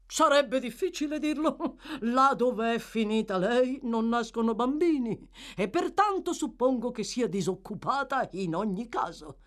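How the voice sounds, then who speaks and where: A woman voicing a pompous older male parish beadle, merry with gin, who talks in a loud, jocular, boisterous way. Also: on the high side, lively intonation, a little slow, pitched above the performer's own voice.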